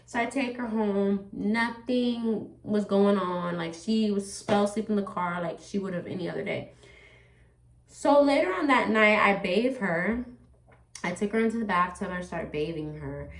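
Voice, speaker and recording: Speaking at a normal speed and medium pitch, a woman vlogs while doing her makeup, casually rambling to "you guys" with lots of "like" and "you know." She sounds off-mic, and the room echoes.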